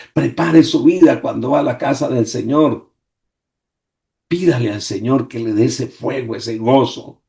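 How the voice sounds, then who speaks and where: A man's voice: medium pitch, mellow. Man preaching a dramatic devotional. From Colombia. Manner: dramatic, rhetorical questions, swinging emphasis. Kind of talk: devotional sermon. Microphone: video call.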